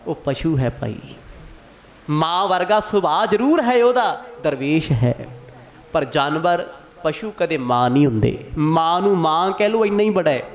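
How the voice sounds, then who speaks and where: Animated preacher, higher voice. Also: male voice, a little slow. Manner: acts out both quarrelling sides with shifting voice. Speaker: katha preacher. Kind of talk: sermon storytelling.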